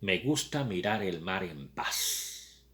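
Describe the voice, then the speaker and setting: Un joven inquieto que anhela ser libre, leído por un hombre. Hace preguntas lentas y pensativas, con una voz grave y una entonación muy cambiante. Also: male voice, sits low, animated, a bit bright, full character voice. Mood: reflective. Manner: slow, reflective questioning. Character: brooding young man longing for freedom.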